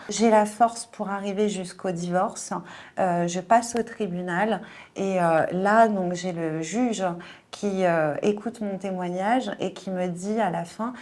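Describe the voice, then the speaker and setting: A woman in her forties giving a personal testimony in an interview, halting and emotional, often repeating words and filling pauses. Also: medium pitch, darkish tone. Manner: emotional, earnest.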